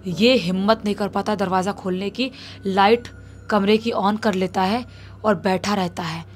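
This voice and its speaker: A woman's voice: mid-range voice, fairly even intonation, measured pace. A woman telling a horror story as a storyteller, building suspense as she narrates. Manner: suspenseful, rising with intensity.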